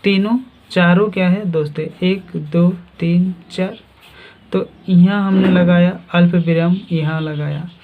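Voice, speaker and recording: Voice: medium pitch, steady tone, a little slow, noisy background. A teacher giving a grammar lesson, asking questions and then answering them. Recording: tinny phone-like sound.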